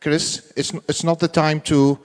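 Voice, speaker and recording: A man giving a live conference talk in halting, informal short phrases. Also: fairly high pitch, flat delivery. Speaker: conference speaker, assistant professor. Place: large conference hall with audience. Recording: reverberant large hall sound system.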